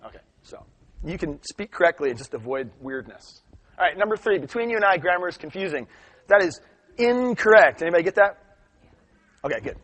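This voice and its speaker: A man leading a live grammar workshop, telling stories with lively acted-out voices. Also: high voice, a little fast. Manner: animated storytelling, acts out quoted voices.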